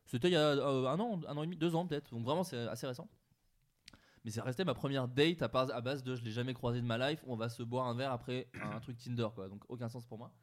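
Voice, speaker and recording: A young man telling an animated anecdote in casual chat, acting out the quotes and laughing often. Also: mid-range voice, quick pace.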